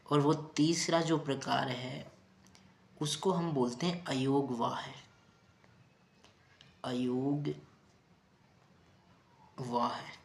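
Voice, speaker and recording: A male teacher giving a grammar lesson, patiently repeating key terms and asking his students rhetorical questions. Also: medium pitch. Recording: roomy echo.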